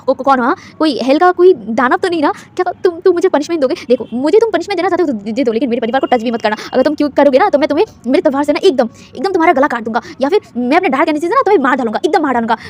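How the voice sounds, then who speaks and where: Lady doing a panicky young guy, trips over every word, high voice, talks fast. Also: a little mellow. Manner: stutters and repeats words. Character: frantic young man, stammering, fierce then cowering.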